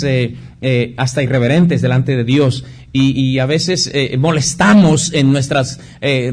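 A Mexican man preaching a sermon, telling personal stories, acting out dialogue, with frequent restarts. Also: medium pitch. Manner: storytelling preacher who acts out dialogue with many restarts. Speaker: pastor.

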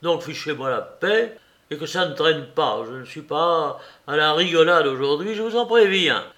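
A man's voice: on the high side, animated, moderate pace, sharp tone. A man voicing a brusque, irritable office clerk who scolds and snaps at a colleague. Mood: shouting. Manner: curt, scolding, snapping.

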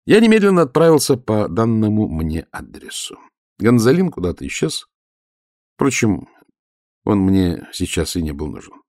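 Low, lively male audiobook narrator. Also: normal speed, no echo, studio quality. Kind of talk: first-person audiobook narration.

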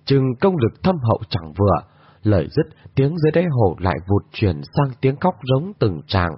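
A man reads a fantasy story aloud with dramatic expression, his husky voice swooping up and down. The recording is dull, lo-fi and bone dry. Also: mid-range voice, big pitch swings, moderate pace, no echo. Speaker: narrator. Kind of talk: scripted storybook narration.

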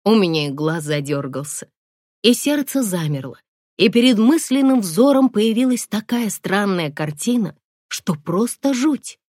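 A woman narrating a first-person audiobook in a wry, expressive storytelling manner. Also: mid-range voice, unhurried, dry recording, studio quality.

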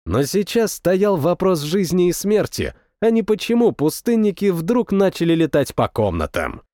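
A man narrating a first-person war story as an audiobook, reading with expressive, dramatic delivery. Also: high-pitched, moderate pace, no room sound, clean studio sound.

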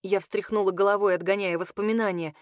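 Female audiobook narrator; steady, expressive first-person reading, dry close sound. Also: medium pitch, fast, no echo.

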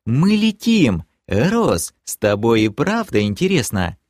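A man voicing an excited young woman adventurer in an audiobook, squealing with delight. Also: medium pitch, takes it slowly, no room sound, studio quality, pitched above the performer's own voice. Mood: thrilled.

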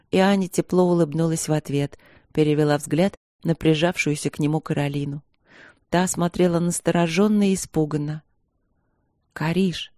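Woman audiobook narrator, low-pitched, mellow, dry recording. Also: dry recording. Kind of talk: scripted narration.

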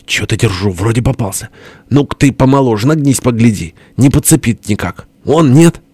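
A man voicing a gruff, hoarse older father-in-law in an audiobook, barking orders impatiently. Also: medium pitch, lively intonation, moderate pace, a little mellow, no room sound, voice pushed up. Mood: bossy. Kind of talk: audiobook character voice.

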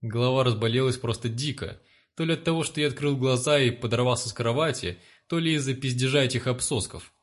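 A male storyteller narrates in the first person. His delivery is blunt and sardonic, heavy with swearing. His pitch sits right in the middle for a man. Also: a little fast. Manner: crude, profane, sardonic.

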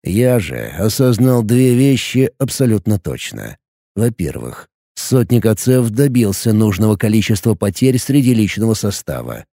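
A male narrator reads a fantasy audiobook with an expressive delivery. His voice is low and mellow, and its pitch moves a lot. The recording is close and dry. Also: moderate pace, vocal fry, no room sound.

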